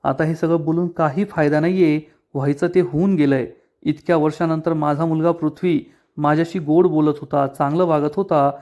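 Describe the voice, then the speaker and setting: A man's voice: on the high side, fairly even intonation, normal speed, a little mellow, highs cut off, close to an everyday voice. Male narrator voicing a regretful middle-aged father, heavy and sorrowful.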